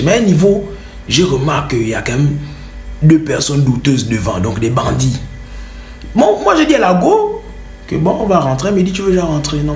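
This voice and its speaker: A man telling a comic story in an animated way, repeating words for effect. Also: medium pitch, echoey room, a little hiss or hum. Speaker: comedian.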